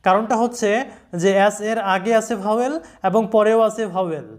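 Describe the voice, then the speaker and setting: A woman's voice: mid-range voice, a little mellow. Woman teacher patiently sounding out syllables. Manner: patient, spells words letter by letter and sounds out each syllable; addresses students directly, repeats key words slowly. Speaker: English pronunciation teacher. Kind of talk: recorded video lesson.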